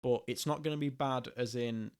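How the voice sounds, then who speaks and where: A man's voice: medium pitch, steady tone, normal speed, clear, resonant tone. A young man hosting a podcast, chatting casually, laughing often and rambling through asides. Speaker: podcast host.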